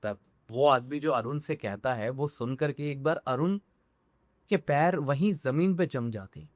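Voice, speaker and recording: A man's voice: medium pitch, a little slow, dry recording. A man narrating a horror story in casual spoken style, with fillers and restarts.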